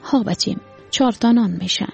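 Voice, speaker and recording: A woman's voice: on the high side, creaky, a little mellow, breathy edge, faint music behind, exaggerated voice. A woman voicing a poor, proud old man who sells bananas from a cart, speaking plain street talk with an Afghan Dari accent. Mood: gentle. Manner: calls out wares and bargains in plain street talk.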